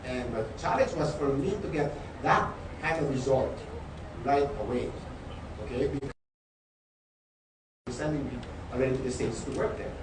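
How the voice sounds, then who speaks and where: A man's voice: medium pitch, normal speed, long pauses. A man with a Filipino accent telling his own success story, stammering and repeating words often. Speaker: speaker at a company event. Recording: echoey hall from far off, noisy.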